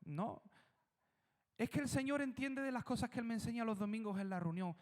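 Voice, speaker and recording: A pastor from Spain preaches in a Spanish accent with a voice that sits high for a man. He tells the story with flair, acting out pleading dialogue with God and the disciples. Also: lively intonation, brisk. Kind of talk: sermon.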